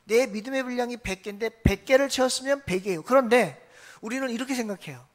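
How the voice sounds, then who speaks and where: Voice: mid-range voice, quick pace. A pastor giving a Sunday morning sermon in a church, repeating phrases and asking the congregation rhetorical questions. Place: church sanctuary.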